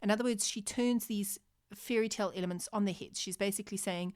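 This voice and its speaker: A woman giving a literature lecture to her students, explaining clearly with measured pauses for emphasis. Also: medium pitch, a little mellow, no room sound, studio quality.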